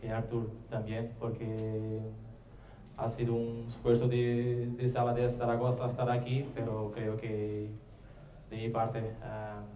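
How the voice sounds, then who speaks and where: A man with a Portuguese accent mixes Spanish and Portuguese as he gives halting answers as a new player at a press conference. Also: medium pitch, monotone, warm tone. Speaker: newly signed athlete. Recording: roomy, distant mic, faint noise.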